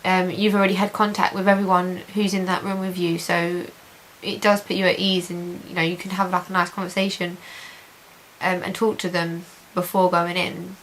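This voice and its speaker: Woman chatting to camera for a diary update, upbeat words but pretty flat intonation, bit of hiss. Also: fairly low pitch, normal speed, rough recording. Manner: chatty, repeats intensifiers, positive and reassured. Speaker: patient giving a video diary update. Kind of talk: casual chat to camera. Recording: hissy home recording.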